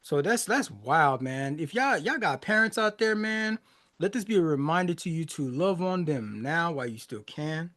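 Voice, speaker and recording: This music reaction podcast host is a man in his 40s, Haitian-born and US-raised. His fairly high, fairly bright voice is expressive and moderately paced. He reflects casually in a loose, conversational way, laughing a lot and using many fillers and restarts.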